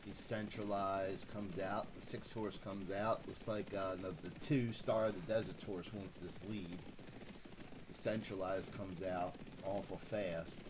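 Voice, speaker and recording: A low-voiced man calls horse races live for a fantasy contest on a casual stream, speaking a little slowly against a noisy background. He rambles and corrects himself, getting excited at the finishes.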